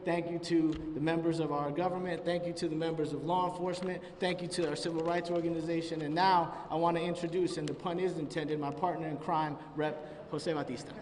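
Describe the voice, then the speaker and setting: A man's voice: on the high side, level tone, a little fast, few pauses, darkish tone, distant mic, a little hiss or hum. Earnest man speaking in an echoey hall. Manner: earnest, emphatic public speaking. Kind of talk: speech at a press conference.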